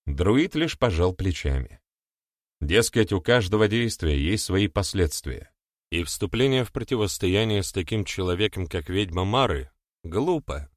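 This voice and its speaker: A man narrating an audiobook in a wry, lively storytelling manner. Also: low voice, measured pace, no room sound, clean studio sound. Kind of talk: scripted narration.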